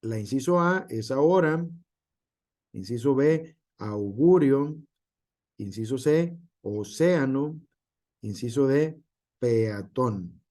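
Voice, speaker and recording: A male teacher lecturing to an online class at a slow, unhurried pace and a middle pitch. He sounds out example words one at a time. He fills his pauses with "este" and keeps checking in with "¿sale?". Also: animated, a little mellow. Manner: frequent fillers and tag question.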